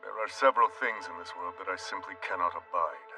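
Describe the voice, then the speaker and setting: A man's voice: low voice, a little fast, exaggerated voice. An actor playing a cruel, sneering male magic teacher with a cold, contemptuous, mocking delivery, heard in an anime dub. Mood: scornful. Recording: distant voice over loud music.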